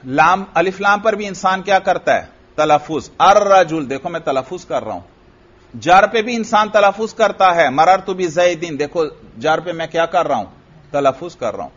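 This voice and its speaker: A man's voice: a little high, animated, normal speed, fairly bright tone, lo-fi sound. A man with a Pakistani Urdu accent, teaching an Arabic grammar class. He explains step by step, recites example phrases and keeps asking his students questions. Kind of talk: classroom lecture.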